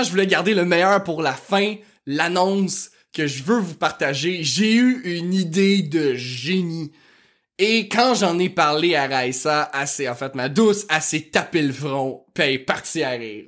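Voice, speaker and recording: Fast-talking rural Quebec man. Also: on the high side. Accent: rural Quebec French. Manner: fast, excitable, piles on information. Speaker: podcast host. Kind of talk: casual solo podcast talk.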